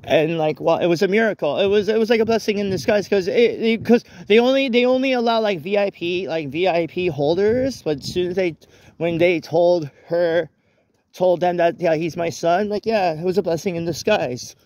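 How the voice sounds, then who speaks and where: A man's voice: high voice, moderate pace, darkish tone. A young man talking into his phone while walking outdoors on a rainy night, rambling with many restarts and self-corrections. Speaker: vlogger. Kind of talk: casual walk-and-talk vlog. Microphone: phone camera held while walking.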